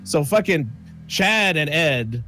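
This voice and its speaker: A man's voice: fairly high pitch, expressive, slow pace, bright, forceful tone, soft background music. A man chatting casually with friends during an online racing game, telling a story and swearing freely. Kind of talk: casual gaming chat.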